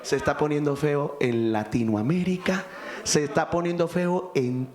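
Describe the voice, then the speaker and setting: A man preaching a sermon as pastor, impassioned and rising to shouts. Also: a little high, a little slow, reverberant.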